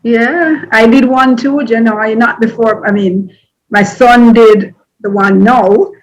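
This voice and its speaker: A woman taking part in an online workshop, chatting casually with halting, repeated starts. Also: fairly high pitch, steady tone, slight background noise, low-quality recording. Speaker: workshop participant.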